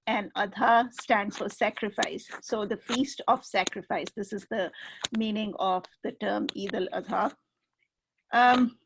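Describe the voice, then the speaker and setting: Lady prof, kinda gravelly and a bit high, walks through it slow and patient, noisy call audio. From Pakistan. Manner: patient, explains terms step by step. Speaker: professor giving a presentation. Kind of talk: explanatory lecture.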